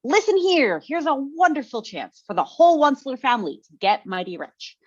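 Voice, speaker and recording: A woman's voice: sits high, very animated, moderate pace, dull audio, voice pushed up. A woman doing a boastful, self-justifying factory boss. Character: greedy, defensive male factory owner.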